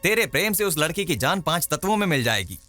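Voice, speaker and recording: A man voicing a scheming, smug holy man villain in a dubbed film, speaking in slow, mocking pronouncements. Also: a little high, very animated, pushed and bright, soft background music. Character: scheming middle-aged male godman, smug and vengeful. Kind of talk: Hindi film dub.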